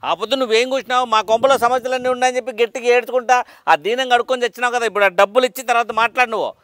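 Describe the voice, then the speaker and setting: Fast, high-voiced man scolding. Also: fairly bright tone. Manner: scolding, demanding his money back. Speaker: lender, lead of comedy skit. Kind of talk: acted village comedy skit.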